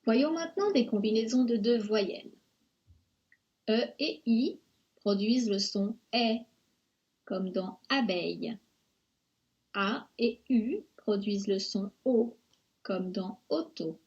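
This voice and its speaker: A woman narrating a French pronunciation lesson in a slow, careful, over-articulated way. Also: medium pitch, darkish tone, lo-fi sound.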